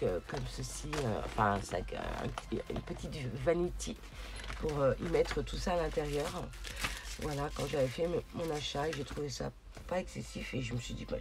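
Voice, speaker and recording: Woman doing a craft haul vid, lots of umm and searching for words, noisy background w/ crinkly packaging. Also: sits low. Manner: halting, many hesitations and searching for words. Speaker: craft vlogger showing a shopping haul. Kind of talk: casual haul video. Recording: noticeable background noise, crinkling. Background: rustling and crinkling of packaging.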